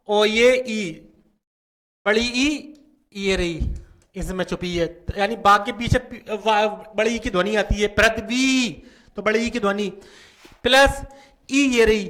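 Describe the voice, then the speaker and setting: Male grammar teacher, North Indian Hindi accent, high, bright voice, slow and repetitive delivery. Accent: Hindi-speaking North Indian. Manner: slow, repetitive explaining with frequent "ठीक है". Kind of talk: whiteboard grammar lesson.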